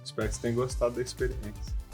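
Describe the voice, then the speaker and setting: A man's voice: mid-range voice, flat delivery, very fast, a little mellow, soft background music. Brazilian man hosting a casual podcast. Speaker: podcast host.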